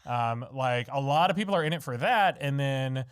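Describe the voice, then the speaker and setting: A man's voice: medium pitch, lively intonation, moderate pace, smooth, no room sound, clean studio sound. A man hosting a podcast interview, talking in a casual, rambling way and nodding along with "mm-hmm.". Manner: rambling, frequent "mm-hmm" backchannel. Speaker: podcast host.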